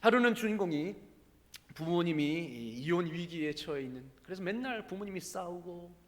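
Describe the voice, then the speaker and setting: A man's voice: high-pitched, expressive, normal speed. A man preaching a sermon as pastor, telling a story and building to fervent exhortation. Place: church sanctuary. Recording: church hall reverb.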